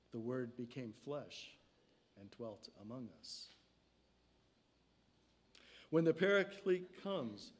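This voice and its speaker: An older man delivers a sermon from a lectern in a church sanctuary. He speaks in slow, measured phrases, and his voice sinks and softens at the close of each line. He is picked up by a stand mic in the sanctuary. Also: medium pitch. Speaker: preacher.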